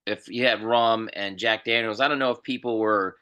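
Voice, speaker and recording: Male podcast co-host, bright, forceful tone, halting delivery with many restarts. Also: lowish voice, fairly even intonation, clear, resonant tone. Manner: halting, restarts often, trailing off. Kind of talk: casual chat.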